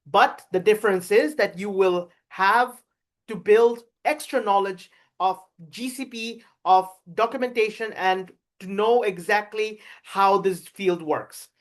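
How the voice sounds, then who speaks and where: Woman hosting a webinar, halting. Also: medium pitch. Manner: hesitant, halting restarts. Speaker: webinar host. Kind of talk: webinar presentation.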